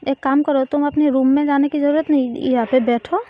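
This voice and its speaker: A woman voicing a stern but loving middle-aged mother who scolds her daughter loudly and sarcastically. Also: high voice, steady tone, brisk, phone-quality sound, a little hiss or hum, lightly acted. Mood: scolding. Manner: loud, nagging, sarcastic scolding.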